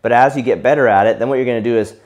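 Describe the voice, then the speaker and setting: A man's voice: medium pitch, very fast. Man coaching shoulder exercises. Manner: relaxed coaching, talks while demonstrating. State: out of breath during exercise. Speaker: physical therapy instructor. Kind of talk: instructional exercise demonstration.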